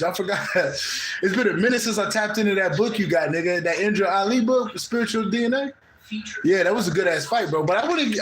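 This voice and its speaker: The host of a spiritual channel, a man with a Midwestern American accent and a high-pitched voice, chats loosely with a live caller. He laughs often, uses heavy slang and swears a lot. The recording is low quality with a roomy sound.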